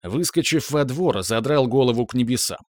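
A man reading a novel aloud in the first person, with steady, measured storytelling. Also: medium pitch, no echo, clean studio sound. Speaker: audiobook narrator. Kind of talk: first-person audiobook narration.

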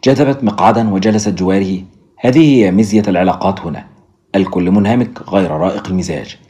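A man reads a story aloud as a narrator, speaking straight to his listeners. His voice is low and he reads briskly. The delivery is scripted audiobook narration. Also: mellow, a little hiss or hum.

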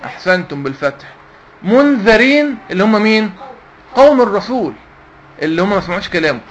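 A man's voice: sits high, very animated, fast talker, dull audio, a little hiss or hum. A man with an Egyptian Arabic accent teaching Quran recitation to a class of young students, constantly asking them questions and waiting for their answers. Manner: quizzes the class with repeated questions, call and response.

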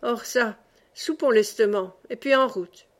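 A proud, ill-tempered medieval knight barks short orders, voiced by a woman reading aloud. The voice is fairly high and clipped. It is a storybook reading. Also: measured pace, natural voice. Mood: commanding. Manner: curt and commanding.

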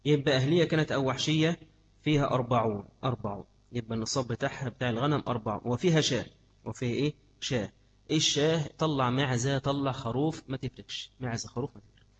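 A man with an Egyptian accent gives a religious study lesson at a rapid clip. His voice is husky. He repeats key terms and keeps asking his listeners questions. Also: mid-range voice, dull audio. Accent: Egyptian Arabic. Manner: repeats key words, asks the class questions. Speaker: religious teacher.

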